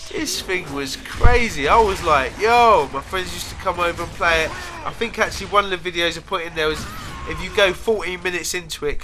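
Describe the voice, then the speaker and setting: A stuffed-up, pinched-nose British man talks in a fairly high and strikingly sharp voice. He has a head cold and chats informally as a gaming host, rambling along in slang. There is faint noise behind him. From United Kingdom. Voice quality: nasal, blocked-nose sound as if nose is pinched. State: congested with a cold. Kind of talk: casual chat over gameplay.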